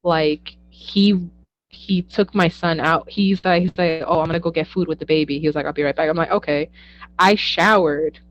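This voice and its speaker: Lively young woman telling ghost stories. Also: low voice, normal speed, lo-fi sound, a little hiss or hum. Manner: animated, acts out quoted dialogue, laughs often. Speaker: guest, psychic medium. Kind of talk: casual storytelling interview.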